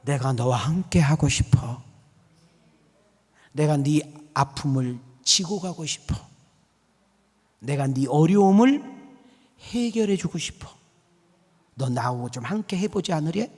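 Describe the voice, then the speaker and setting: A man voicing a gentle, tender divine savior in a soft, hushed whispered role-play, low and quiet. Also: animated, measured pace, pauses often, breathy edge. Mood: pleading. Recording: long church reverb.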